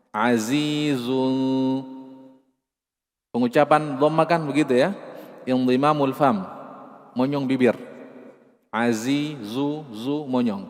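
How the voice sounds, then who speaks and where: A man with an Indonesian accent teaching Quran recitation rules, patiently explaining and slowly chanting drawn-out example words. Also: medium pitch, big-room sound. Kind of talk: tajwid lesson with chanted examples.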